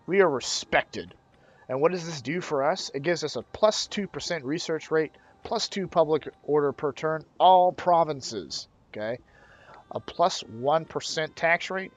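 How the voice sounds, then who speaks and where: Slangy man, lo-fi voice-over. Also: a little high. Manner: loose, slangy, keeps saying "man" and "bro"; thinks aloud, with restarts and checking questions. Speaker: game tutorial host. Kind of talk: casual screen-recorded game tutorial. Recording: dull lo-fi recording.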